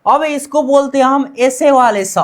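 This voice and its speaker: A woman's voice: sits high, measured pace. A woman teaching a language lesson, patiently repeating words and asking questions she then answers herself. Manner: asks the class questions and answers them.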